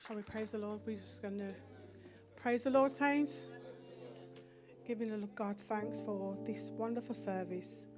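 A woman's voice: medium pitch, fairly even intonation, measured pace, long pauses. Woman praying fervently over music. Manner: fervent, repetitive praying, rising in intensity. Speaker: church minister closing the service. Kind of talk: prayer. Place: church hall stage. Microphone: handheld mic.

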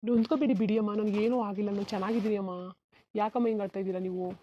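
A woman's voice: medium pitch, steady tone, fast talker, highs cut off, slight background noise, close to an everyday voice. Woman voicing a sorrowful, resigned young husband. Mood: pleading. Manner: soft, resigned, pleading. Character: sad, self-sacrificing young married man. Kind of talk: cartoon voice acting.

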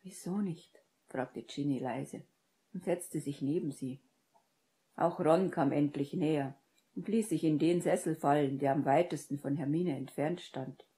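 A woman narrating a fan fiction audiobook in a calm, measured storytelling manner. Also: low-pitched.

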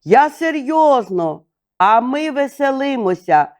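A woman's voice: sits high, very animated, measured pace, a little mellow, voice pushed up. A woman voicing a sly, joking male jester who teases in a drawl in a fairy tale. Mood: teasing. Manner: teasing, drawling.

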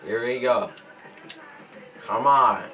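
Bright, excitable teenage boy hosting gaming challenge. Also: medium pitch, takes it slowly. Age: teens. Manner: excitable, short exclamations. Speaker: host of a gaming challenge video. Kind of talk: casual gaming challenge commentary. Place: small indoor room with cloth backdrop. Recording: distant mic, music behind.

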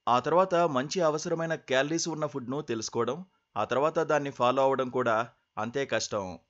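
A man's voice: medium pitch, dull audio. Man reading a news voice-over. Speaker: news narrator.

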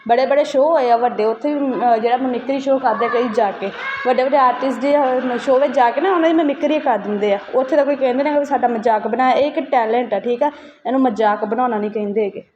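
A woman's voice: fairly high pitch, muffled recording, noisy background. A woman, hosting a roast video and lecturing vloggers in a scolding way. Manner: scolding, lecturing, rapid-fire. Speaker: roast channel host.

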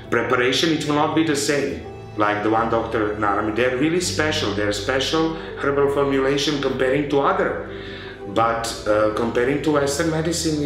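A middle-aged man speaks earnestly about herbal remedies, often breaking off and restarting words. The room rings with heavy echo, with faint music under his voice. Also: medium pitch. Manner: earnest, restarts mid-word. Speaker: interviewee endorsing a healer. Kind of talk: interview testimonial. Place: small clinic room indoors. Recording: very echoey room.

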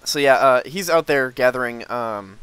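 A man's voice: medium pitch, expressive, normal speed, a bit bright, clean tone, dry recording. A young man hosting a casual Minecraft video, rambling with lots of fillers and restarts as he shows off his build. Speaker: gaming video host.

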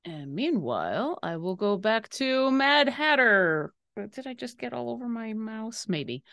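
A woman's voice: on the high side, sing-song, measured pace, fairly bright tone, no echo, studio quality. A woman co-hosting and learning on a painting live stream, bubbly and thinking aloud as she chats. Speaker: co-host and painting student. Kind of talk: casual live stream chat.

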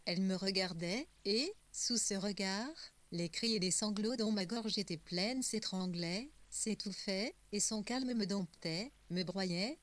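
A woman narrates a classic novel in the first person. Her reading is measured and even, a steady audiobook delivery. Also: mid-range voice.

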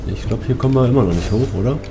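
A man with a mid-range voice races through casual, colloquial commentary while playing a game, speaking partly to himself and partly to his viewers. Game music plays in the background.

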